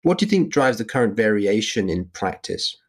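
A man's voice: on the low side, sing-song, a little fast. A man interviewing on a podcast, wordy and tentative, often rephrasing as he goes. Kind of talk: interview questioning.

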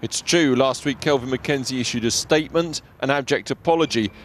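A man's voice: medium pitch, fairly quick, a little hiss or hum. A man reading scripted narration as a television news reporter.

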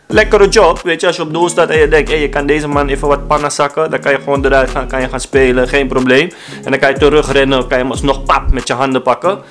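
A young man vlogging in a lively, comic way, slipping into silly voices for the people he quotes. His voice sits a little high for a man. Soft music plays faintly underneath. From Netherlands. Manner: animated, acts out quotes in funny voices, laughs often. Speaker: YouTube vlogger. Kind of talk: casual comedic storytelling.

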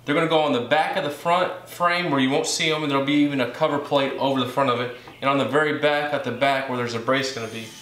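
A man's voice: mid-range voice, quick pace, few pauses, distant mic. Thirties man, easygoing workshop host, recorded from across a very echoey garage with faint hiss. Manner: relaxed, plain-spoken, with self-corrections. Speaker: woodworking channel host. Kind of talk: casual how-to narration. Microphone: camera mic from across the room.

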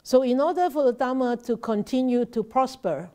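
Her voice high and mellow, a middle-aged Hong Kong nun speaks with a local accent as she delivers a Dharma talk slowly and haltingly, often starting over. A laptop webcam picked her up in the temple's shrine room.

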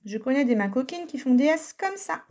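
A woman teaching a recorded lesson for young children, speaking slowly and patiently and carefully sounding out letters. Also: high voice, animated, darkish tone. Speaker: primary school teacher.

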